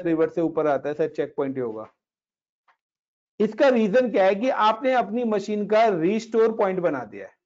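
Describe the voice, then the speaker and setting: A Linux instructor with a high, darkish voice chats through a casual screen-share class on commands. He takes students through each step and mixes English words into his explanation. It's a dull lo-fi recording.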